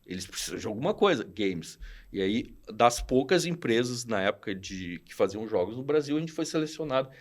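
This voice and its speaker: With a mid-range voice and a slightly quick pace, this forties-aged studio founder from Rio Grande do Sul tells old stories as a podcast guest in his southern Brazilian Portuguese accent. The chat is casual, and he's lively and slangy, performing the quoted dialogue.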